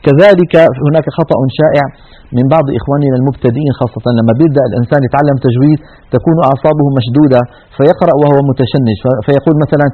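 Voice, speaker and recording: A man with a medium-pitched voice races through an earnest tajweed lesson, teaching Quran recitation and demonstrating each sound. The audio is tinny and narrow-band, like a radio.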